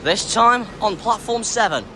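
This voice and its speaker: A man's voice: high-pitched, animated, measured pace, sharp tone. A man giving casual commentary as a trainspotting vlogger, outdoors on a station platform. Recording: clear outdoor station background noise.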